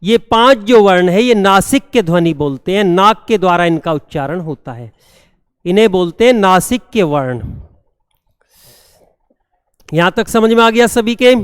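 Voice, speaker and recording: A man teaching a classroom grammar lesson, repeating each term slowly and checking that students have understood. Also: high-pitched, animated, smooth, clean studio sound. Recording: long hall reverb.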